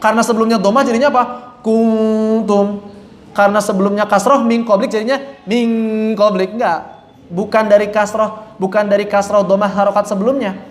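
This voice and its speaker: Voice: medium pitch, steady tone, fast talker. A Quran recitation teacher giving a classroom lesson, explaining step by step, demonstrating sounds, asking and answering their own questions and firmly correcting mistakes. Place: room with a class repeating after the teacher. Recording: echoey room, faint background noise.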